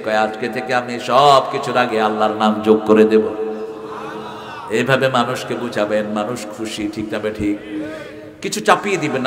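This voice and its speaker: Fiery preacher in an echoing hall. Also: male voice. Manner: swings between loud rising questions and low quiet asides, chants verses. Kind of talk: sermon. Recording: echoey hall with long reverb.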